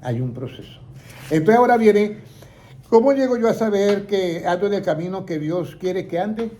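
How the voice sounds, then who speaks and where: A man teaching the Bible to a small gathering, with a slightly raised pitch and a mellow, warm tone. He keeps throwing questions to the room and lets the group finish his sentences. A faint hiss sits under the recording. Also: normal speed. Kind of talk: interactive Bible lesson.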